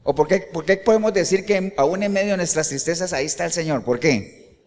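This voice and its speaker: A male pastor delivering an animated sermon, often putting rhetorical questions to the congregation. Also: high voice, fairly quick, big-room sound.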